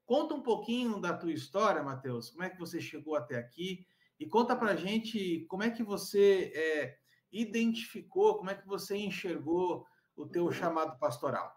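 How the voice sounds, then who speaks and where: A podcast host with a fairly high voice runs a relaxed, friendly and upbeat chat at normal speed. He gives the guest a warm welcome and keeps the questions coming in a casual conversation.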